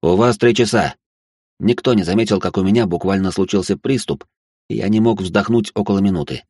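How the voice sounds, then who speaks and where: A man's voice: lowish voice, fairly even intonation, quick pace, mellow, slightly rough, dry recording, clean studio sound. A man narrating a novel in first person, with a wry, conversational inner monologue. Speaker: audiobook narrator.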